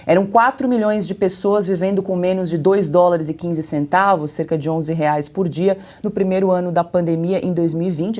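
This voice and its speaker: Brazilian woman host with a low voice. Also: darkish tone. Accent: Brazilian Portuguese. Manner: measured, reads out figures. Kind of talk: presenting data on a news talk show.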